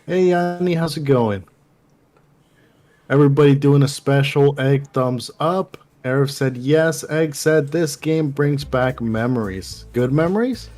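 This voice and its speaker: A man's voice: mid-range voice, measured pace, a little mellow, soft background music. A man streaming a game and reading chat messages aloud in a loose, casual way, swearing now and then.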